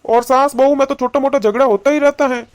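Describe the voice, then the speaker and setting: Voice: sits high, fairly even intonation, fairly quick, natural voice. A voice actor playing an older cartoon father who patiently reasons with his wife. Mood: reasoning. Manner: patient, persuasive lecturing. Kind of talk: cartoon voice acting.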